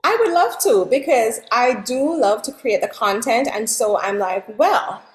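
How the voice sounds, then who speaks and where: A woman born in Jamaica, chatting as a guest in an interview, laughing often and animated. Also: on the high side, a little slow, reverberant, poor audio. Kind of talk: casual interview chat.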